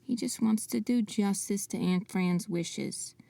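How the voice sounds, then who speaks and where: Wry woman narrating a mystery, dark tone. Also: medium pitch, a little slow, gravelly, no echo, recorded from a distance. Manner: wry, sarcastic asides. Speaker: narrator and protagonist. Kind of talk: scripted drama narration.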